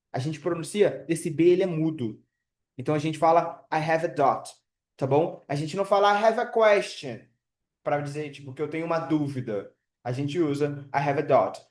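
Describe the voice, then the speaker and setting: A man's voice: a little high, a little mellow, reverberant. A man in his twenties teaching English in a casual live online class, chatty and full of fillers and check-ins with his students. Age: 20s.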